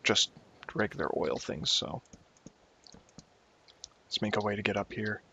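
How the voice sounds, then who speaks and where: A man's voice: fairly low pitch, unhurried, creaky, sharp tone, breathy edge. A young man giving casual gameplay commentary at home, rambling and joking at himself as he plays. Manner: rambling, self-mocking, talks to himself while playing. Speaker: gaming YouTuber. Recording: dull lo-fi home recording.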